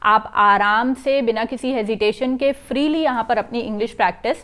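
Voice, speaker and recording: Young woman, from India, high voice, chatty, explanatory vlog tips. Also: normal speed, a bit bright. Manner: chatty, mixes English phrases into speech. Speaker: vlogger giving English-speaking tips. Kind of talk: casual explanatory talk to camera.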